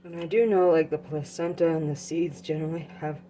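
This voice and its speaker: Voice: medium pitch, fairly even intonation, a little fast. A co-host in a casual home tasting vlog, speaking in a plain, matter-of-fact way.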